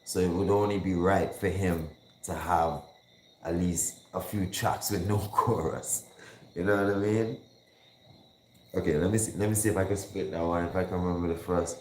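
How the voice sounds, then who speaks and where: A man's voice: low voice, fairly even intonation, moderate pace, a little mellow. A man hosting a hip hop call-in show, chatting casually and slangily as he counts down songs. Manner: laid-back, slangy, counts down songs and breaks into rapping. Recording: echoey room with faint background noise.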